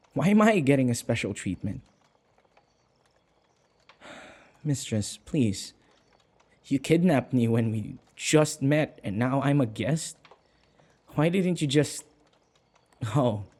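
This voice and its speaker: In a vampire audio roleplay, a male actor voices a submissive human servant, speaking slowly and hesitantly in a mellow, mid-pitched voice. Wary and questioning, he stammers nervously as he addresses his mistress, sighing and muttering anxious asides to the listener.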